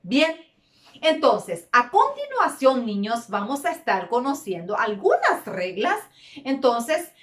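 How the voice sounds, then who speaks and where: This woman's pitch is fairly high and slightly bright, swinging widely as she speaks slowly. She's teaching children grammar in a deliberate classroom style, stretching words and repeating the important ones, with echo from the room audible.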